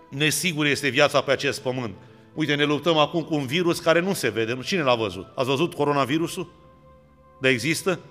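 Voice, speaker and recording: Priest preaching, dramatizing quoted voices, reverberant hall, faint music. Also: male voice, medium pitch, pushed and bright. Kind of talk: sermon.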